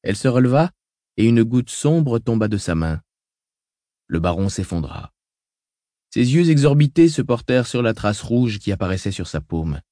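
A man narrating an audiobook in a measured, dramatic reading style. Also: medium pitch, sing-song, mellow, dry recording, clean studio sound.

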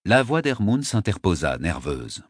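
A man reading a first-person novel aloud as an audiobook narrator, measured and dry. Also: low voice, big pitch swings, no room sound.

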